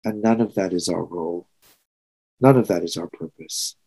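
A man's voice: low voice, moderate pace, gravelly, warm tone, poor audio. A sixty-year-old man from Trinidad and Tobago, preaching a sermon in an earnest, reflective way with emphatic swells. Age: 60s.

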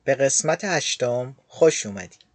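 A man teaching a language lesson, addressing his listeners directly in a friendly way and slowly repeating words to show how they are pronounced. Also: medium pitch, expressive, over loud music.

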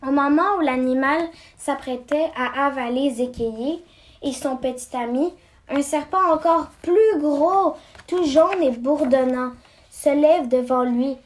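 A woman reading a children's story aloud, slow and halting, stumbling and restarting words. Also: high voice. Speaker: story reader.

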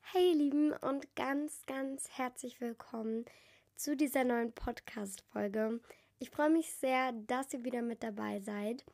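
Speaking unhurriedly in a voice on the high side and a little mellow, a teen girl runs her own casual solo podcast. She has a cold that leaves her stuffed up as she talks earnestly to listeners.

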